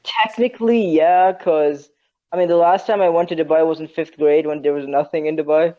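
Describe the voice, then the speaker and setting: A young Saudi man co-hosts a podcast, chatting casually and rambling hesitantly with many fillers and some dry teasing. His voice is a little high, warm and steady at a fairly quick pace, in dull lo-fi sound.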